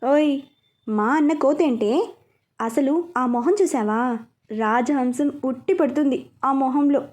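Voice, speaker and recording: A woman's voice: high voice, a little slow, a little mellow. A woman voicing a teasing young woman, the heroine's friend and sister-in-law, in storybook dialogue with a playful, bossy manner. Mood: mock indignant.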